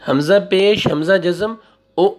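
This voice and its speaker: A man teaching Quran reading, spelling out syllables slowly one by one, repeating them and correcting wrong readings. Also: high voice, darkish tone. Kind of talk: slow spelling-out recitation lesson.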